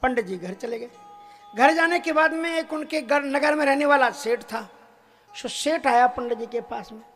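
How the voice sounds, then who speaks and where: A man with a notably high voice preaching a devotional sermon, spinning a story at a brisk clip and then slowing to intone verses. Quiet devotional music sits underneath his voice. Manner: storytelling that breaks into slow chanted verses.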